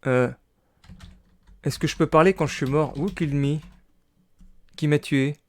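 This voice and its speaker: A man giving casual, excitable commentary on a game, reading the game text aloud, swearing and slipping into English. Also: on the high side, a little slow. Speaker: let's play gamer.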